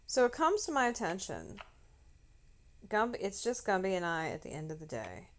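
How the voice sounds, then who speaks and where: A woman streamer telling a story in casual, animated chat, swearing freely. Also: medium pitch, normal speed, slight background noise.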